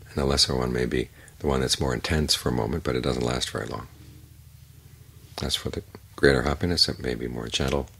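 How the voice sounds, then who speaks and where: An older man, a Buddhist monk, giving a calm, measured evening Dhamma talk with unhurried pauses and a husky voice. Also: a bass voice.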